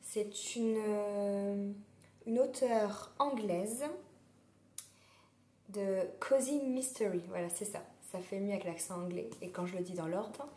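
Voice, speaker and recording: A woman vlogger chatting casually while hoarse from a sore throat, rambling with many fillers. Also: mid-range voice, steady tone, unhurried, mellow. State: sore throat, losing her voice. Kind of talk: casual chat. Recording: roomy echo.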